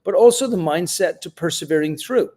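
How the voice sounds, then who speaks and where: Energetic man hosting a startup talk. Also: on the high side, fairly quick. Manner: energetic, emphatic, casual and profane. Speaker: moderator. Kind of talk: motivational live talk to founders.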